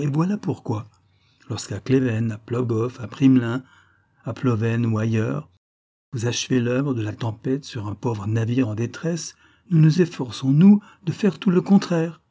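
A man's voice: medium pitch, moderate pace, mellow, lightly acted. A man reading aloud and voicing a proud, earnest nineteen-year-old island woman in a classic adventure novel.

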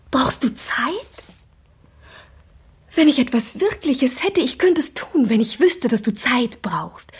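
In a radio drama, an actress plays an anxious young woman, delivering a hushed, halting inner monologue in a high voice, often in a whisper.

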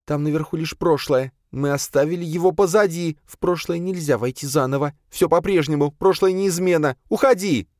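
A man's voice: moderate pace, hardly any pauses, darkish tone, no room sound, clean studio sound, close to an everyday voice. A man voicing a frantic, terrified woman who screams at a ghost from her hiding place in a storybook reading. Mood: defiant. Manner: screaming, frantic, high-pitched.

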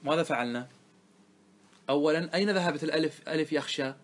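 Man teaching a grammar class, slightly high voice. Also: fast. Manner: quizzes students, repeats key points. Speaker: religious scholar teaching grammar. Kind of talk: classroom lesson. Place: classroom with students.

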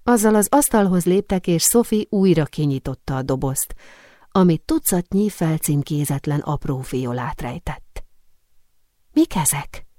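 Calm audiobook narrator, woman; low, warm tone. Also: no echo, clean studio sound. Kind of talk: scripted narration.

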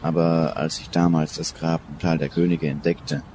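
An older professor of Egyptology in a radio play. He speaks in a very low voice, measured and in command. A faint hiss runs under it. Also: flat delivery. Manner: measured, authoritative.

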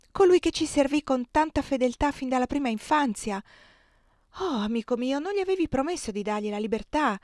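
A woman's voice: medium pitch, a little mellow, no room sound, natural voice. A woman voicing a devout middle-aged plantation mistress, speaking with raised, impassioned, pleading force, in a dry recording.

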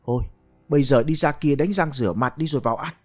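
A man's voice: medium pitch, quick pace, darkish tone, faint music behind, natural voice. A man voicing a fussy scolding old grandfather. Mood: stern. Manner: raised, scolding.

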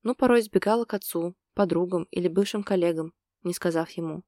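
Woman reading an audiobook, low warm voice, super dry close mic. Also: a little fast, no echo. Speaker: narrator. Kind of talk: audiobook narration.

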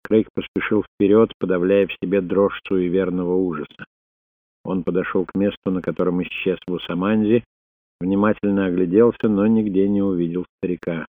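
A man narrating a thriller audiobook in a steady, even reading voice. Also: low-pitched, normal speed, no room sound. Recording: dry, phone-like narrow sound.

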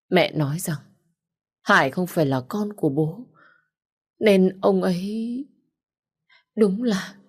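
A woman voicing a remorseful, dying older mother who confesses in halting, tearful phrases, read for an audiobook. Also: lowish voice, a little mellow, husky, pitched above the performer's own voice. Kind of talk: audiobook character reading.

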